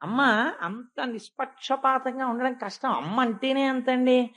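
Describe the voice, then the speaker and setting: Recounting a sacred story in a devotional sermon, this man's voice sits at an extremely high pitch. He swings from quiet, hushed passages to emphatic ones and slows his pace for emphasis.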